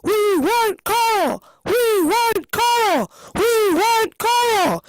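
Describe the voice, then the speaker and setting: A man putting on a very high, shrill voice for a crowd of farm citizens chanting slogans. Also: expressive, very slow, dry recording, full character voice, poor audio.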